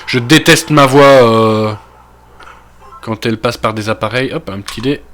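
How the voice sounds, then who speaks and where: A man's voice: medium pitch, measured pace, a bit bright, slight background noise. Belgian man thinking aloud over gameplay. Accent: Belgian French. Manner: thinking aloud, many fillers and trailing asides. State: recovering from a cold. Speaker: gaming video creator. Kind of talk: casual gameplay commentary.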